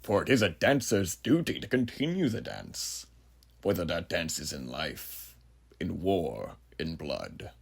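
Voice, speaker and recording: Judge Holden, very deep gravelly menace. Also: male voice, big pitch swings, heavily acted. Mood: grandiose, sinister. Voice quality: gravelly, husky, breathy at phrase ends. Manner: slow, theatrical, grandiloquent musing with rhetorical questions. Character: huge ageless sinister philosophizing judge, menacing male drifter. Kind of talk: horror character monologue addressed to listener.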